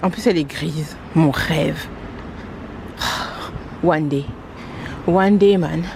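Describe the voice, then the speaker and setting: A young woman talking casually to her vlog audience as she rushes around town, exasperated and hurried, dropping English phrases into her speech. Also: sits low. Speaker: vlogger. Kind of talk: casual day-in-my-life vlog chat. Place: outdoors on city streets and at a bus stop. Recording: street noise and passing vehicles behind.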